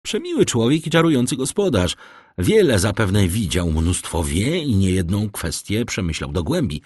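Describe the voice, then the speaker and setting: A man voicing a vain, cheerful young gentleman, lifting his voice higher and airier, read in an audiobook. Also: big pitch swings, normal speed, slightly rough, no echo, studio quality. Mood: airy.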